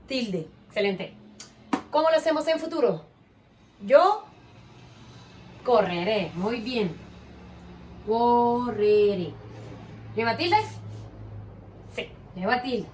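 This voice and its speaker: Slow, patient woman teaching children. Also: a little high, a little hiss or hum. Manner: slow and patient, asks questions and praises answers. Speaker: primary school teacher.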